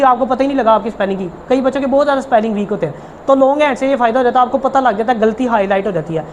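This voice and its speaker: A man's voice: extremely high pitch, a little hiss or hum. A man, a shorthand teacher giving an informal tutorial. He talks emphatically, repeats his points and coaxes his students directly.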